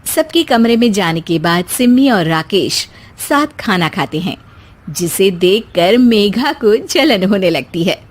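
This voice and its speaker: A woman's voice: medium pitch, lively intonation, measured pace. A woman giving scripted narration as the narrator of a family story.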